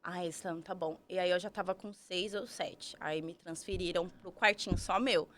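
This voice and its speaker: A woman's voice: lowish voice, moderate pace, a bit bright, a little hiss or hum. A woman, telling her story as a podcast guest, chatty and full of tag questions. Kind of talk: casual storytelling.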